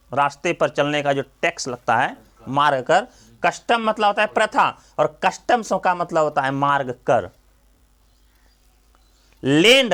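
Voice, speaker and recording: A man's voice: sits high, a bit bright. A male coaching teacher giving a classroom grammar lesson, drilling students with repeated questions and then answering them himself.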